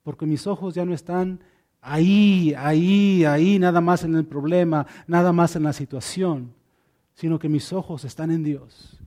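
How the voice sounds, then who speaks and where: A man with a notably high voice preaches in an easy, conversational manner. He acts out little exchanges as he goes and repeats key phrases to drive them home, earnest throughout. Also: a little slow, warm tone. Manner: earnest, repeats words when stressing. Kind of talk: sermon.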